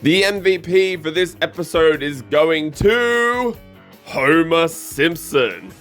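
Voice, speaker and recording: A man's voice: a little high, lively intonation, slow, fairly bright tone, faint music behind. A man hosting a review show, reading scripted narration and opinions. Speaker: host of episode review show.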